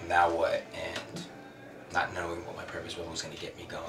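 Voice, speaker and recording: A man in casual conversation as an interviewer, halting as he searches for words. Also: low-pitched, completely flat delivery. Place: small sauna. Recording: distant, echoey, noisy room.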